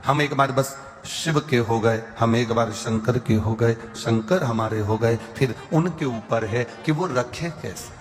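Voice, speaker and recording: A man with a Madhya Pradesh accent preaching a sermon in Hindi, impassioned and repetitive, at times singing verses slowly. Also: medium pitch. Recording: long hall reverb with faint music.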